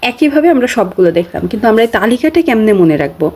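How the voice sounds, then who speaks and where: A woman's voice: a little high, sing-song, quick pace, darkish tone, breathy edge. A woman with a Bangladeshi Bengali accent teaching a grammar lesson, patiently repeating key terms with frequent hesitations.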